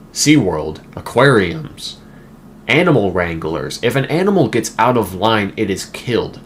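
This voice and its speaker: A man giving a casual, emphatic movie review with conversational side remarks. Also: on the low side. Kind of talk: casual video essay. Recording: faint background noise.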